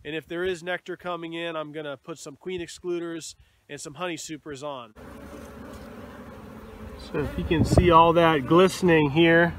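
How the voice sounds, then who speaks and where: Recorded outdoors at a bee yard on an arm's-length phone camera, this beekeeper in his thirties gives a laid-back instructional talk full of fillers. His voice is on the high side and his pace is normal, with faint noise from outside.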